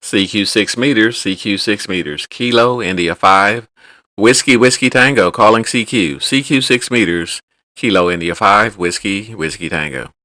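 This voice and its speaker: Man making bright ham radio calls. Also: lowish voice, moderate pace, no room sound, studio quality. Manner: loud, sing-song repeated ham radio calls. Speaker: amateur radio operator in a contest. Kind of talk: calling CQ on air with phonetic call sign.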